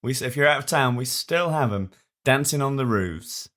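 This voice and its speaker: A man's voice: mid-range voice, lively intonation, normal speed, fairly bright tone. A man co-hosting a podcast in casual, jokey, rambling chat. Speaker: podcast co-host.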